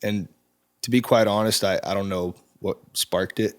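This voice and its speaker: A man in his twenties, a musician guest, talking in a relaxed, halting way with frequent ums in a studio interview. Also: lowish voice. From Czech Republic. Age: 20s. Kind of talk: casual interview chat. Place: recording studio.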